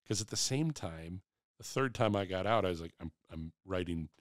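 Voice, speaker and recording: Man, forties, deep voice, unhurried reflective casual chat, candid and rambling. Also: animated, no room sound, clean studio sound.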